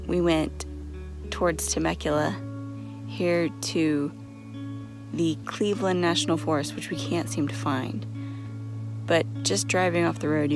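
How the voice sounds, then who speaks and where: Filming a family road-trip vlog on her phone at arm's length, this thirtysomething woman from Texas talks chattily to camera amid windy desert lookouts. She has a lowish, creaky voice and likes to slip into playful fake news-reporter commentary.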